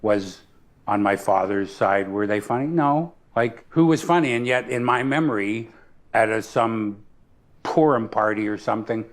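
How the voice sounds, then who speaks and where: A man's voice: on the low side, normal speed. A man interviewing guests for a documentary, asking curious, reflective questions.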